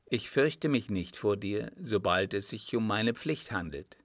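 A man's voice: on the low side, expressive, measured pace, no echo, studio quality. A man voicing a dutiful tribesman who speaks seriously and steadily, holding firm. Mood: firm, earnest. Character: earnest, dutiful young tribesman, defiant but calm.

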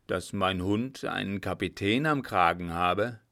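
A man voicing a sly, unhurried coachman who talks in a stubborn, mocking drawl. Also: sits low, vocal fry, a bit bright, full character voice. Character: sly, unhurried old coachman, proud dog owner.

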